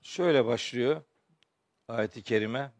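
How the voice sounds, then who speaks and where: A man giving a religious lecture as a teacher, his voice hoarse and strained, phrasing deliberately with pauses. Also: mid-range voice, no room sound. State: hoarse from shouting the day before, clearing his throat often. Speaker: Quran teacher and preacher. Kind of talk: spoken religious lecture with verse commentary.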